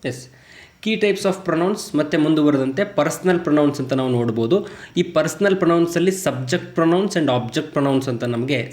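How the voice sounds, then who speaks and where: A man's voice: a little high, a little mellow. Man teaching grammar in an echoey room. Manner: slow, deliberate English example sentences between quick Kannada explanations. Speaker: English teacher. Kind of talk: explaining grammar in a lesson.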